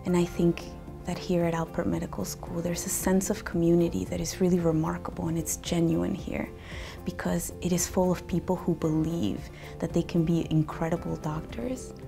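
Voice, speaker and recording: A woman's voice: lowish voice, level tone, normal speed, vocal fry. A young woman from Peru, a medical student, speaking earnestly in a studio interview. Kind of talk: interview testimonial. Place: studio with gray backdrop. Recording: soft background music.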